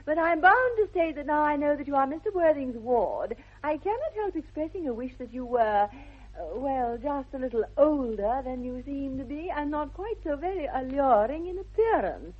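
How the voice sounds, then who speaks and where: In a dull-sounding vintage 1960s radio recording, a woman speaks with a high, expressive voice at a moderate pace. She plays a self-assured young aristocratic lady, haughty and candid, whose upper-class English accent carries an affected, precise politeness in this comedy of manners.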